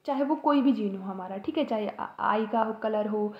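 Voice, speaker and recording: A woman's voice: mid-range voice, normal speed. A woman teaching a biology lesson for exam students, asking rhetorical questions and checking in with her listeners often. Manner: explains with rhetorical questions, checks in with "theek hai". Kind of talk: exam-prep biology lecture. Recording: echoey room, dull lo-fi sound.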